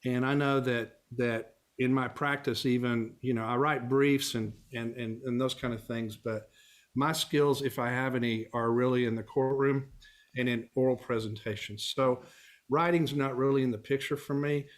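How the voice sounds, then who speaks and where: Middle-aged man from Texas, easygoing interview guest, mid-pitched voice. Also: fairly even intonation, moderate pace. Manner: easygoing storyteller, chuckles while talking. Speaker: guest, family law attorney and actor. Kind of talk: casual interview conversation.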